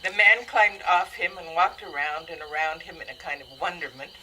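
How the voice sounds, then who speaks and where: A woman's voice: lowish voice, fairly even intonation, moderate pace, pushed and bright, rough recording. A woman reading a story aloud to an audience in a dry, wry manner. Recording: audible background noise.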